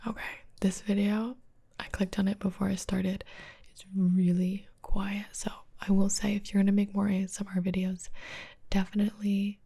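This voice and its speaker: A woman's voice: mid-range voice, monotone, normal speed, vocal fry, breathy edge. A woman whispering chatty ASMR reaction commentary as host, filling her talk with "like". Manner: soft whisper, chatty, many "like" fillers.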